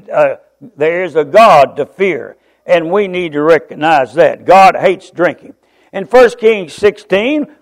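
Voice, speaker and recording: A man with an Appalachian accent preaching in a folksy, plain-spoken way, stretching out his key declarations for emphasis. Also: high-pitched. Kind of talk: sermon.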